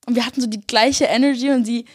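A young woman, a singer and vlogger, excitedly telling her viewers a story, gushing and breathless, mixing English slang into her German. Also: on the high side, fast talker, husky, dry recording, studio quality.

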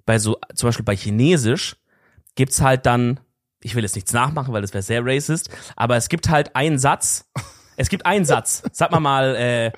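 A man's voice: medium pitch, normal speed, no room sound, studio quality. A young man co-hosting a podcast, chatting casually in slangy, rambling explanations. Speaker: podcast co-host. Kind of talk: casual chat.

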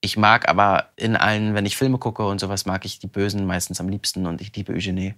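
A man, a voice actor, chatting animatedly in an interview, talking in quick bursts and often laughing. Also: fairly low pitch, level tone, sharp tone. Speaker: voice actor interviewed about his audiobook. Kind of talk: casual interview answers.

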